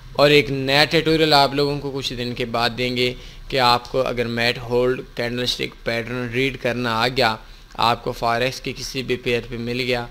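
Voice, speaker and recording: A man's voice: mid-range voice, a bit bright, smooth. Man explaining charts patiently. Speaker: forex trading instructor. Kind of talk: screen-recorded tutorial explanation.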